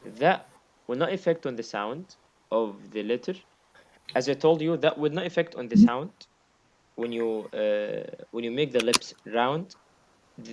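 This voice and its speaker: A male teacher gives a patient one-on-one lesson, going over each point more than once and demonstrating the sounds aloud. His voice sits at an everyday middle pitch for a man. The recording is a little dull and lo-fi. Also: darkish tone. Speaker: Quran recitation teacher.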